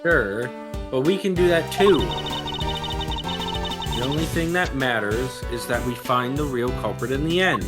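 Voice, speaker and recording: A woman voicing a bossy, plucky young female sidekick in a video game, casual and direct, over loud music. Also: very deep voice, unhurried, pauses often. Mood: determined. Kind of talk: live voice-acted read-through of a video game.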